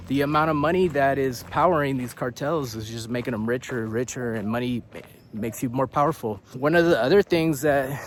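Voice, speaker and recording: A man's voice: medium pitch, a little hiss or hum. A young man living abroad, talking casually to camera in a vlog, rambling, swearing and laughing between points, a bit out of breath. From United States.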